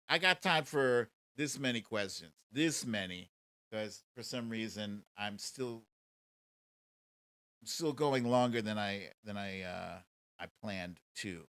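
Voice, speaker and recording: An American man hosts a live commentary stream, his medium-pitched, slightly bright voice recorded dry. He chats casually and with mockery, commenting and fielding viewer questions in colloquial speech.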